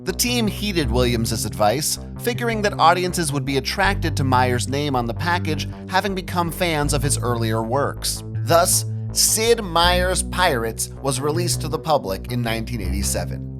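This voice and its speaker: Joking podcast host with a chatty voice. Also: male voice, fairly high pitch, very animated, moderate pace, hardly any pauses, music in the background. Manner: playful, jokey banter. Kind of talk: scripted narration then casual chat.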